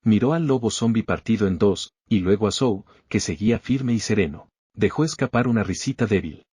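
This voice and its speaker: A man narrating a story recap in a steady, even storytelling manner. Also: on the low side, a little fast, breathy edge, no room sound, clean studio sound.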